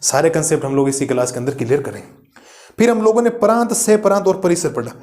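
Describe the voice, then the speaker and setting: A man's voice: a little high, quick pace, darkish tone. A man teaching a maths lesson to students, explaining step by step, reassuring them and asking the class rhetorical questions. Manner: reassuring and encouraging. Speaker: math teacher. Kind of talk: classroom lecture video.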